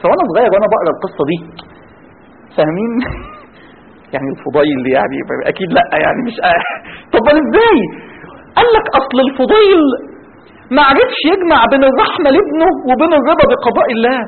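A man's voice: very high-pitched, sing-song, quick pace, pauses often. A man with an Egyptian Arabic accent giving a religious lecture, firing rhetorical questions at his audience. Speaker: preacher. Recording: tinny band-limited with faint noise.

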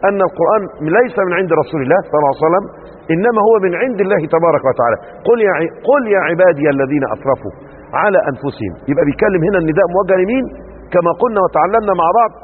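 A man's voice: sits high, slightly rough. A man with an Egyptian accent preaching a religious lesson, asking rhetorical questions and answering them himself with emphasis. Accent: Egyptian Arabic. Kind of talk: religious lesson broadcast on radio. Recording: tinny radio broadcast with long reverb.

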